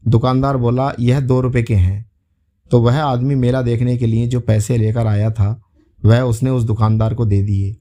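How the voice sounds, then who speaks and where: Mellow male storyteller telling a folk tale. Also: mid-range voice. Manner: steady, plain retelling.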